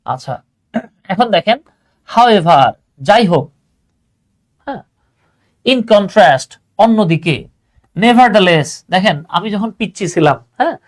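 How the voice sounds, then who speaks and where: A man's voice: high-pitched, lively intonation, takes it slowly, long pauses. Chatty man teaching English. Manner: chatty, repeats "হ্যাঁ", mixes English terms into Bengali. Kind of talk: online class lecture.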